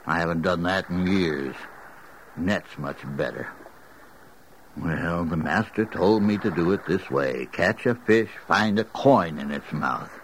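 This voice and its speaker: Simon Peter, an unhurried, hearty fisherman. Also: deep voice, slight background noise, rough recording. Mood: musing, amused. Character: Simon Peter, plain-spoken male fisherman disciple, good-natured. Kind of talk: dramatized Bible audio drama.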